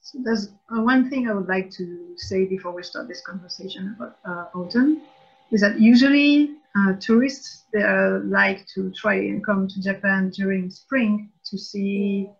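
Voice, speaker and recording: A woman from France, editor-in-chief, explaining her views at length in a casual online panel discussion. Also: medium pitch. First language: French. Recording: dull lo-fi online call audio.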